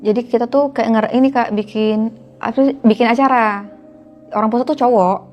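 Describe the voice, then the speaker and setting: Young woman, higher-pitched. Chatty guest telling a spooky story. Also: fairly even intonation, brisk, highs cut off, soft background music. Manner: chatty, keeps addressing the listener as "Kak". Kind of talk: casual horror storytelling.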